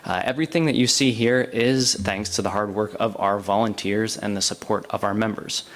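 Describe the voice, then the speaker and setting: A man's voice: lowish voice, steady tone, normal speed. A man hosting a historical society event, giving announcements and introducing the guest speaker, informal with many fillers. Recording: long reverb in a hall.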